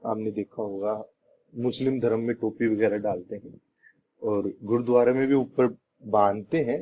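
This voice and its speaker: A young man, teaching an exam-prep lesson with memory tricks, repeating points and asking rhetorical questions before answering them. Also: fairly low pitch. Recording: dull lo-fi recording with faint noise.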